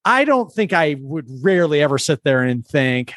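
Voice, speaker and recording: A man's voice: fairly high pitch, very animated, moderate pace, a bit bright, no echo, clean studio sound. A man co-hosting a podcast in casual chat, rambling and restarting his sentences with laughs. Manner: rambling, self-interrupting, laughing. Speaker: podcast co-host.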